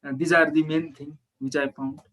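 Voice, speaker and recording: Young nepali guy on a video call, high voice, earnest and a bit hesitant, lots of uhs. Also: flat delivery, normal speed, fairly bright tone, rough recording. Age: young adult. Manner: earnest, polite, hesitant with many fillers. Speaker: participant sharing experience. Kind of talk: testimonial on an online call.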